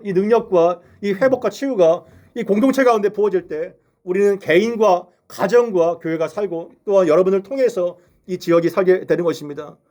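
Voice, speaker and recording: A man with a fairly high voice preaches in a church. He addresses the congregation earnestly and poses question after question to draw them in. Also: warm tone. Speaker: pastor. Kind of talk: sermon. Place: church sanctuary.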